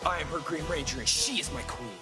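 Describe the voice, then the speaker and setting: An actor playing a young male warrior under an evil spell in a 1990s TV action series, taunting in a slow, menacing way. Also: on the high side, close to an everyday voice. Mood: defiant. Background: loud music score.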